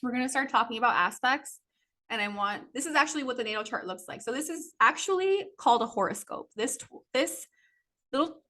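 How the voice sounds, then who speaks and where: A woman's voice: fairly high pitch, lively intonation, brisk, pushed and bright. A woman teaching a casual class, chatty and loose, full of "like" and "um" and frequent little laughs. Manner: chatty, peppered with "like" and "um", laughs often. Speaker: astrology teacher.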